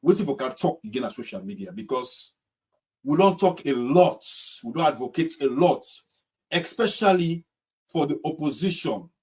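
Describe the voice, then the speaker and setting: A man with a Sierra Leonean accent and a husky voice hosts an informal political discussion, speaking emphatically and repeating his phrases. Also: a little high, expressive, moderate pace, darkish tone. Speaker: host of a live political discussion. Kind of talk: informal political talk in Krio mixed with English.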